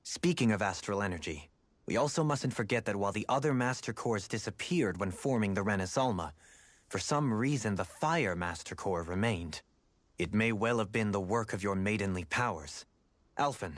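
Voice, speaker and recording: Composed, low-voiced gentleman adviser. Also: animated, no echo. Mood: composed, pensive. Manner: measured, formal, old-fashioned phrasing. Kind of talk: video game voice acting.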